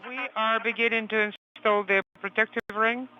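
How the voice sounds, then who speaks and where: A man making terse procedural calls over a crackly space-to-ground radio transmission, clipped and halting with hesitations. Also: sits high, little pitch movement. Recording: muffled radio link with faint noise.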